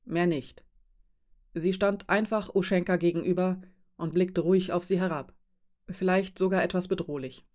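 A woman narrating a fantasy story as an audiobook reader, in an even, measured way. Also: lowish voice.

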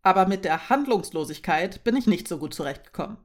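A woman voicing Nurek, a frank and thoughtful young woman, in an emphatic, lively storybook reading. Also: on the low side, brisk.

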